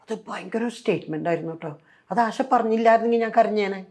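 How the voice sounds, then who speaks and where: An older woman from Kerala, India, speaks with a Malayalam accent at a medium pitch and a fast clip. A former nun being interviewed, she tells her story conversationally, animatedly acting out what others said and using plenty of fillers.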